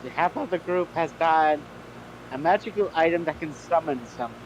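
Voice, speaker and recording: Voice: mid-range voice, lively intonation, fairly quick, highs cut off. Tabletop player with faint background noise. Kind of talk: casual game chat.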